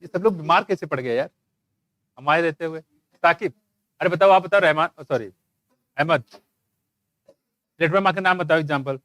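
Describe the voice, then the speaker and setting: A man lectures a classroom of students. His voice sits high, and the sound is dry and close, with no room echo. He teases and scolds in turns, calling on students by name. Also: normal speed, long pauses, a bit bright. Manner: teasing, scolding, jokey, calls students by name. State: dry throat from shouting. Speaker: biology teacher. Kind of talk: live classroom lecture with quizzing.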